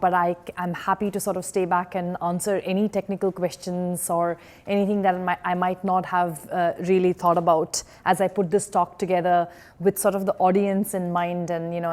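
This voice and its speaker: Born in India and raised in Singapore, a woman in her forties gives a conference talk as an engineer turned investor. She speaks hesitantly, with many fillers and restarts, in a lowish, darkish voice.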